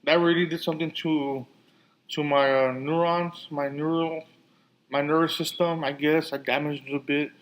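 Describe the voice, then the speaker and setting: Slightly high-voiced man with a lisp. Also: flat delivery, moderate pace, poor audio. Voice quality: lisp and slurred speech. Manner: rambling with many restarts and fillers. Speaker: podcast host. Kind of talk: casual solo podcast talk.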